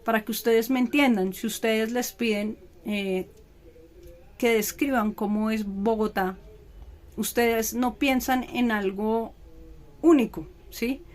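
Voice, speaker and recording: A woman's voice: a little high, slow, a little mellow. A young woman teacher giving a classroom lecture, explaining patiently and often checking in with her students.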